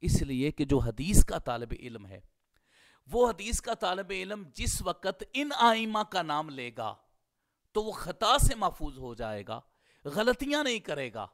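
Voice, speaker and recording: A man's voice: high voice, fairly bright tone. A man with a Pakistani Urdu accent giving a scholarly lecture, stretching out words to spell their exact pronunciation. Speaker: Islamic scholar teaching hadith studies. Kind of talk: classroom-style lecture.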